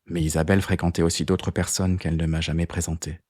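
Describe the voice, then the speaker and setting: A man's voice: deep voice, flat delivery, fast talker, a little mellow, no echo, studio quality. A man reading a determined saxophonist woman. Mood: reminiscing. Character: determined grey-haired woman jazz saxophonist, still young. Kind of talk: audiobook character voice.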